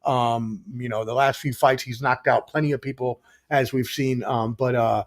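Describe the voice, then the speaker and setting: A man's voice: medium pitch, steady tone, normal speed. A man appearing as a guest sports analyst on a casual podcast over a video call, talking conversationally and emphatically as he makes his points.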